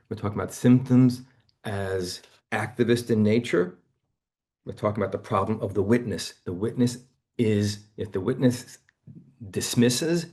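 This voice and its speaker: A man's voice: on the low side, darkish tone. A man, a therapist, teaching a seminar in an earnest way and telling stories about clients, often repeating and restarting his phrases.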